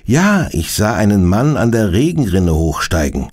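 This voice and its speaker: A man voicing a shrewd, polite police inspector in a children's radio play, talking briskly. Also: on the low side, very animated, darkish tone, voice pushed up. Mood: urgent. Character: shrewd middle-aged male police inspector.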